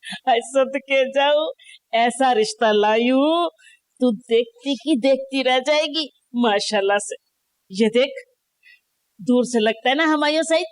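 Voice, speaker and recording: An actress playing a chatty middle-aged aunt who brings marriage proposals. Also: female voice, a little high, animated, unhurried, pauses often. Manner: gushing, talkative. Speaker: matchmaker aunt. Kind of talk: TV drama acting.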